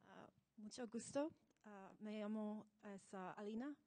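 A woman speaks at a slow pace. She is halting and searches for words as she introduces herself. The sound is dry and close. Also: medium pitch, warm tone, no room sound. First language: not Spanish. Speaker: conference attendee, developer. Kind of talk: hesitant self-introduction in halting Spanish.

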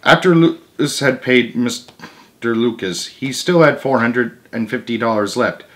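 Reading a children's story at home in his living room, a young man narrates with expressive flair and breaks off for casual asides. His voice is mid-pitched and a little slow, captured by a camera placed a little way off.

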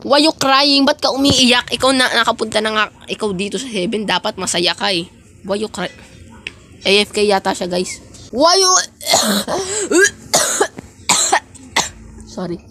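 A woman's voice: mid-range voice, fairly even intonation, a little fast, pushed and bright, slight background noise. A woman giving casual, playful game commentary, chatting and talking straight to her viewers. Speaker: gaming vlogger.

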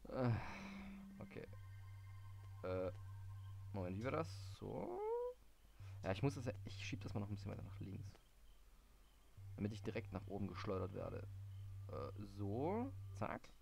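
Gamer muttering through a puzzle. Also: male voice, on the low side, measured pace, gravelly, pauses often, a little hiss or hum. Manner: puzzled muttering with sudden excited outbursts; reads in-game English hints aloud. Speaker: let's play gamer. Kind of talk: live gameplay commentary.

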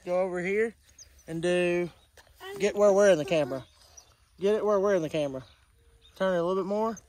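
A Kentucky-accented man in his thirties, who vlogs about fishing and is an uncle, patiently coaches kids step by step at a farm pond in this casual outdoor clip. His voice sits high and a little fast with a darkish tone. It was shot on a handheld phone camera outdoors, with slight background noise.

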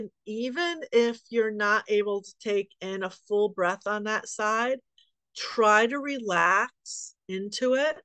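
A woman leads a guided breathing exercise, talking slowly and patiently with long pauses between cues. Her asides are chatty and self-deprecating. The sound is dry and close, with no room echo. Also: mid-range voice, fairly bright tone. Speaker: breathing class instructor.

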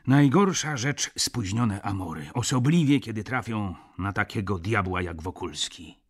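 A man's voice: fairly low pitch, lively intonation, measured pace, husky. An actor reading a sardonic, cynical middle-aged male doctor in an audiobook, blunt and lecturing.

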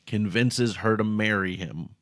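Young man podcast co-host, easygoing and agreeable, lowish voice, dry close recording. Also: unhurried, fairly bright tone, no room sound. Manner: easygoing, agreeing, recaps the plot. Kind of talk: casual film-discussion podcast chat.

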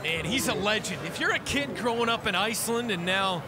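A man working as play-by-play commentator, giving measured, informative sports commentary. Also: high-pitched, animated. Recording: loud crowd and music behind.

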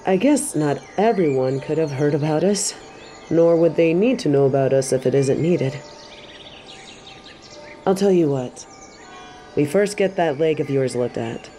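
A woman playing a stern but warm-hearted tiger kung fu master in a roleplay audio, speaking in a measured, composed way to the listener. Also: low voice, soft background music. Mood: friendly. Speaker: voice actor in a fan roleplay audio. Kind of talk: scripted roleplay addressed to the listener.

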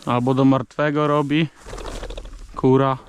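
Out in rural fields, a hunter calls short, clipped commands to his dogs. His medium-pitched voice is flat and a little slow, with slight background noise.

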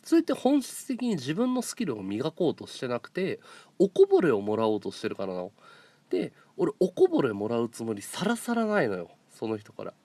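Male streamer, blunt talker, very lively swooping pitch, dry close sound. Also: a little fast, dry recording. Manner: blunt, outspoken storytelling. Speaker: live streamer. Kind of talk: casual monologue to stream viewers.

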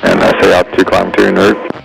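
A man's voice: deep voice, flat delivery, fairly quick, vocal fry, over loud music. A man working as an air traffic controller, terse and procedural over a crackly, military-sounding aviation radio. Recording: crackly narrow aircraft radio transmission.

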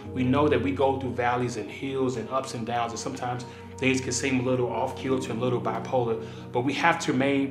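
A pastor in his thirties talks to the camera in a relaxed, unhurried devotional style, filling pauses with ums and uhs. His voice sits at a middle pitch. The room sounds roomy, and soft instrumental music plays underneath. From Kansas City area. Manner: relaxed, conversational, filler-heavy. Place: small indoor studio with desk.

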